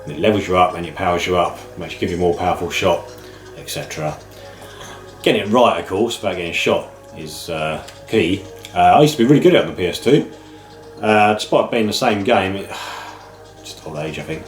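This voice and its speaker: Middle-aged British male vlogger, lowish and a bit nasal with man flu, informal rambling chat, very roomy sound. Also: a little fast. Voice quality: slightly nasal, bunged up with a cold. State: man flu, a head cold. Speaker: host of a video game pick-ups channel. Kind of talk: casual chat to camera. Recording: roomy echo, music underneath. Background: music.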